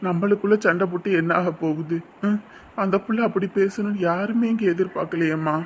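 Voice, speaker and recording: Man, high voice, scolding and indignant, faint outdoor noise. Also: a little fast. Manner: scolding, loud and indignant, tags lines with "aa?". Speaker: brother-in-law defending his sister's husband. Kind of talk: rural family drama acting.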